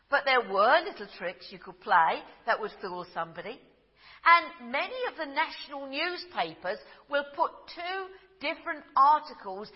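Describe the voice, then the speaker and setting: A woman giving a gentle storytelling sermon. She tells simple stories and grows soft and slow at the tender moments. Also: sits high. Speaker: preacher. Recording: dull sound with long hall reverb.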